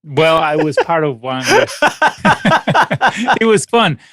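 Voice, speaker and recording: Man from venezuela, late forties, spanish native speaker, rambling answers, slightly high voice, dry sound. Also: very animated, slow, a bit bright, no echo. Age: 40s. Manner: rambling, many restarts and fillers, laughs often. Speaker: guest musician. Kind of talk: casual interview over a call.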